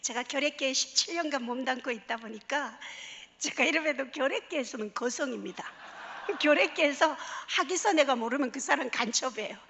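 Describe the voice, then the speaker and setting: A woman's voice: high voice, a little fast, fairly bright tone. A woman from Daegu, a pastor's wife, gives a humorous church testimony and keeps drawing the audience in with questions. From Daegu, South Korea. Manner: playful, engages the audience with questions. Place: church hall. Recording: echoey church hall, dull sound.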